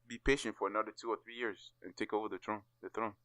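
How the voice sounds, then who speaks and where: A man's voice: fairly low pitch, fairly even intonation, fast talker, fairly bright tone, no room sound. A man co-hosting a football podcast, chatting casually, teasing the others and asking questions. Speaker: podcast co-host.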